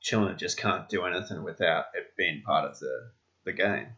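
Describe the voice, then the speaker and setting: A man's voice: sits low, normal speed, sharp tone. A man talking casually as a podcast co-host. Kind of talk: casual chat. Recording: dull, lo-fi sound.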